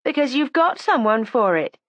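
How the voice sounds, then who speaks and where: A woman's voice: sits high, very animated, moderate pace, a bit bright, no echo, pitched above the performer's own voice. A woman reading an audiobook, voicing a resentful, defiant young woman with a sarcastic, combative edge. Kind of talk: audiobook character voice.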